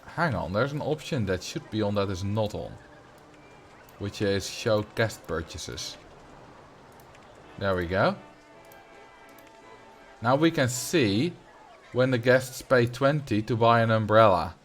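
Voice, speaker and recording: Playing a game live, a man from the Netherlands talks casually and responds to viewers in chat, his mild Dutch accent audible. His voice is on the low side and animated, slow-paced with frequent pauses, and faint music plays behind him.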